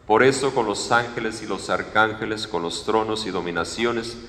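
Man, priest, measured liturgical prayer, long church reverb. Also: lowish voice, fairly bright tone. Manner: measured, solemn liturgical recitation. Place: large church sanctuary, at the altar. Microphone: far fixed camera, room mic.

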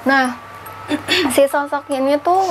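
A young woman in her twenties casually retelling a ghost account, halting and searching for words, on a lapel mic in an indoor studio. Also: high-pitched, over music. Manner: halting, searching for words, animated hand gestures. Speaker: storyteller. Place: indoor studio with a draped backdrop.

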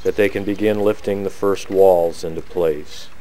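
A man giving calm, measured scripted narration for a documentary. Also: sits low. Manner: calm, measured explanatory delivery. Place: voice-over, not recorded at the pictured site.

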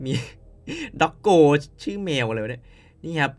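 A man playing a story game, reading its text aloud and dropping in quick puzzled asides to viewers. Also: fairly high pitch, huge pitch swings, fairly bright tone. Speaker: game streamer.

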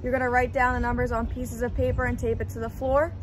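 High-voiced young woman teaching P.E. outdoors. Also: little pitch movement, fast. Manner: clear step-by-step explaining, upbeat teacher tone. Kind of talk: instructional demonstration. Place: outdoors on a driveway. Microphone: camera on a tripod at mid distance.

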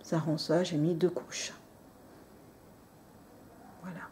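A woman casually showing off nail polish on camera, soft-spoken and apologetic, often dropping into near-whispers. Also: sits low, little pitch movement, takes it slowly, slight background noise. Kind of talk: casual show-and-tell.

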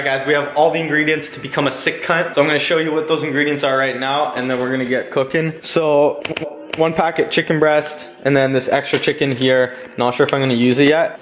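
A man's voice: medium pitch, a little hiss or hum. Laid-back young man in an echoey kitchen. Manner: laid-back, filler-heavy, swears casually. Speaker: vlogger. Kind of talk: casual vlog walkthrough. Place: home kitchen, indoors. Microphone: handheld camera at arm's length. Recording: echoey kitchen room sound.

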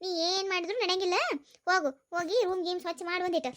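A woman's voice: very high-pitched, level tone, rapid-fire, a bit bright. A woman with a North Karnataka accent playing a bossy, taunting old mother-in-law in a village comedy sketch. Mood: scolding. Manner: taunting, domineering.

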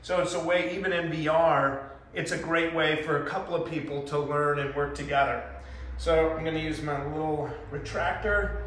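Man, 30s, casual demo presenter, slightly high voice, loose chatty delivery, recorded far off in an echoey small room. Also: fairly bright tone, a little hiss or hum. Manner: chatty, loose, many fillers while moving in VR headset. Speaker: sales presenter demonstrating VR training. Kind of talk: casual product demonstration. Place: small carpeted-floor training room indoors. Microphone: far camera.

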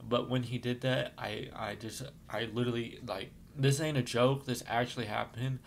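Man of middling pitch with a gravelly edge, rambling through a shaken personal account; light background rumble. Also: normal speed. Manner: rambling, with many fillers and restarts; gets shaken and apologizes, trying to calm down. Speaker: vlogger telling his life story. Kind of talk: emotional personal storytelling.

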